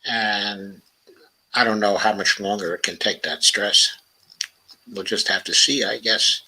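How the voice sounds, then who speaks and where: A man's voice: on the low side, fairly even intonation, sharp tone, breathy edge, poor audio. A man hosting a casual livestream talk show, thinking aloud and often dropping in "okay" and "uh" as he goes. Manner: thinking aloud, unhurried, sprinkles "okay" and "uh" through sentences. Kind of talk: casual livestream commentary, reading viewer comments.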